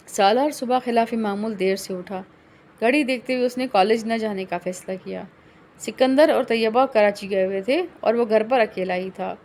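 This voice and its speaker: A woman's voice: fairly high pitch, darkish tone, a little hiss or hum. Woman narrating a novel audiobook.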